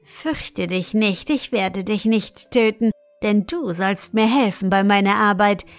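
A woman voicing an evil old male wizard in a slowly read fairy tale, gloating and coaxing. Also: medium pitch, dry recording, faint music behind, lightly acted. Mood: scheming.

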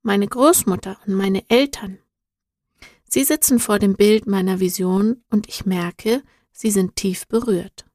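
A woman's voice: medium pitch, a little slow, darkish tone, no room sound, lightly acted. A woman voicing a thoughtful young girl in a storybook, speaking in an earnest, searching, heartfelt way. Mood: earnest, wistful.

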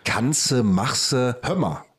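Jokey male podcast host, husky, lively. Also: mid-range voice, very slow. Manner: jokey, laughs often, teasing. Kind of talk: casual chat.

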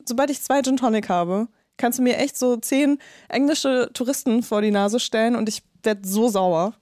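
A woman in her thirties co-hosting a podcast, telling a story in animated casual chat and swearing freely. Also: a little high, moderate pace, no echo, clean studio sound. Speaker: podcast co-host.

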